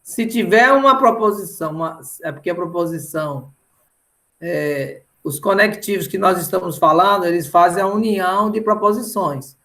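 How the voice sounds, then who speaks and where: This Brazilian math teacher, middle-aged, has a sharp-toned voice that sits high, and he talks at normal speed. Lecturing in an online class, he explains things didactically and keeps tossing in short tag questions to check understanding.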